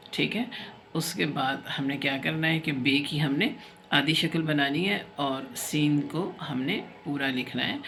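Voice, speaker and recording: A woman teacher giving a reading lesson to young children, patient and explanatory, who reads example sentences slowly and carefully. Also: deep voice, a bit bright. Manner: patient, explanatory, checks in often. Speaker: primary school teacher.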